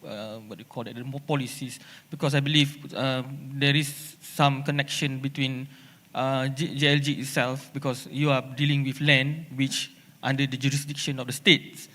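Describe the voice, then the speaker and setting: A man moderating a panel, halting and searching for his words. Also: mid-range voice, flat delivery, fairly bright tone. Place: conference hall. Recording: long reverb of a conference hall.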